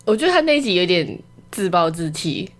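Wry young woman with a lowish voice. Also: very animated, a little fast. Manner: wry, self-mocking, laughs often. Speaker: podcast co-host. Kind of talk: casual chat.

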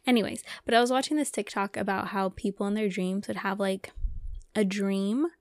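A woman's voice: mid-range voice, steady tone, moderate pace, no room sound, clean studio sound. A woman hosting a solo podcast in a casual, chatty way, often saying "like" and acting out imagined thoughts. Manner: chatty, frequent "like", voices imagined thoughts in quotes. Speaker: podcast host.

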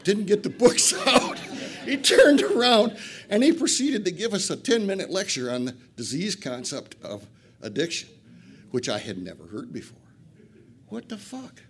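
An older man from Flint, Michigan, telling a profane, self-mocking recovery story at a retreat and laughing often. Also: high-pitched. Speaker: recovery speaker.

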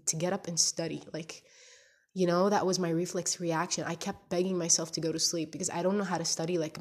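A woman's voice: fairly low pitch, a little mellow. A young woman recording a personal audio diary on her phone at home, talking in a rambling, hesitant way with many restarts. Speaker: podcaster.

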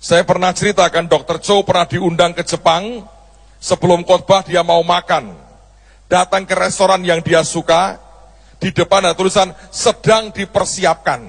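A man's voice: high voice, flat delivery, moderate pace, vocal fry, long reverb tail. A man preaching a sermon as a pastor, telling a story and acting out its dialogue in changing voices.

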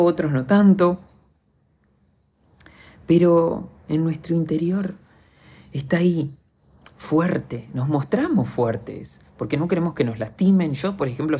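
A man's voice: fairly high pitch, dark tone, husky. A man with an Argentine accent hosting a podcast, speaking in an earnest, confessional reflective monologue straight to his listeners. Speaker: podcast host.

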